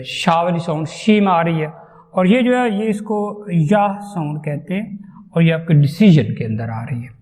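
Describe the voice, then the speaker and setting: A man teaching phonetics in a classroom lecture, patiently explaining and slowly sounding out each vowel and consonant. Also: sits high, darkish tone, in a large hall, low-quality recording.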